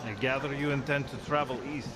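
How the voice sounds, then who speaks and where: An actor playing a gruff, wry male river ferryman who talks in a dry, unbothered way. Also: mid-range voice, steady tone, fast, noisy background, natural voice.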